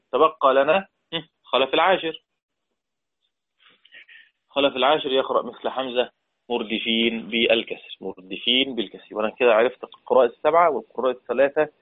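A man with an Egyptian accent teaching Quran readings. He explains slowly, chants the quoted verses and puts questions to his pupils. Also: mid-range voice. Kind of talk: religious lesson. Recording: tinny phone-like audio.

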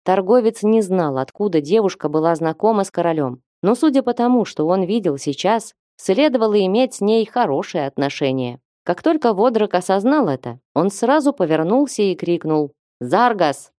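A woman narrating an audiobook in a steady storytelling manner, recorded close to the mic. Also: mid-range voice, normal speed, hardly any pauses, dry recording. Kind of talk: scripted narration.

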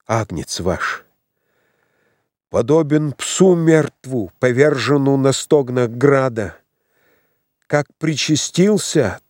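A man voicing a feverish, delirious young prince who shouts and curses fervently in an audiobook. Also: medium pitch, dry recording, studio quality. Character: delirious raging young male tsarevich, feverish.

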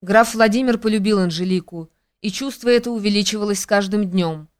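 A woman reading a classic novel as audiobook narration, in an even, measured way. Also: medium pitch, clear, resonant tone. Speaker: audiobook reader.

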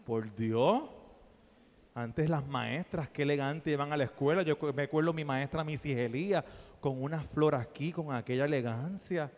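A man preaching a sermon, playful and animated, dropping to soft asides and then rising to loud exclamations. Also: a little high, moderate pace. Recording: long reverb of a church hall.

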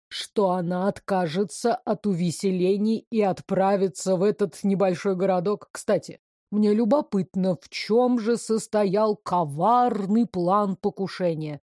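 Brief: velvety-voiced, mocking male mayor, voiced by a woman reader; slow ironic delivery, dry sound. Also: medium pitch, warm tone, no echo, lightly acted.

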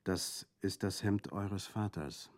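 Guy doing a vengeful young woman, slow and solemn, dark mellow voice, radio story. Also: sits low, fairly even intonation. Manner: slow, solemn, intense delivery.

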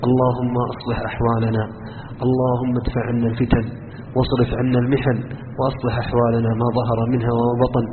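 A man's voice: medium pitch, level tone, fast talker. A man preaching a fervent sermon and lecture, emphatic and exhorting his listeners. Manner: impassioned, emphatic, exhorting the congregation. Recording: lo-fi phone-like sound with long reverb and faint noise.

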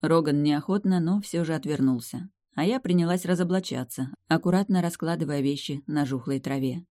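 A woman narrating a first-person fantasy audiobook in a lively, expressive way. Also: low voice, brisk, dry recording, studio quality.

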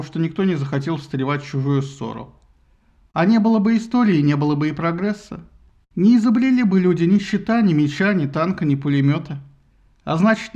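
A man narrating a satirical retelling of Greek myths in a lively, ironic storytelling manner. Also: high voice, muffled recording. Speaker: audiobook narrator.

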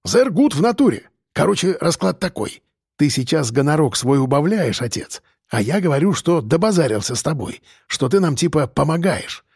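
A man's voice: a little high, big pitch swings, moderate pace, a little mellow, slightly rough, dry recording, studio quality, heavily acted. A man doing a cocky slangy convict. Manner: streetwise slang, wheedling, pushy questions. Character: cocky slangy male convict, scheming and restless.

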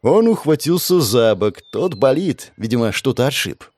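A man narrating an audiobook in an expressive, lively storytelling manner. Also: mid-range voice, normal speed. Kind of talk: scripted narration.

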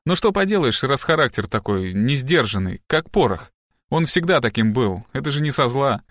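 A man voicing a distraught, sharp-tongued middle-aged wife and mother in an audiobook, with sharp, agitated outbursts. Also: medium pitch, big pitch swings, normal speed, no echo, studio quality. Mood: fretful.

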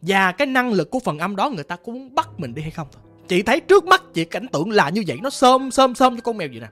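A woman's voice: medium pitch, sing-song, quick pace, a bit bright, faint music behind. A woman telling a first-person ghost story in a chatty way, speaking directly to her listeners.

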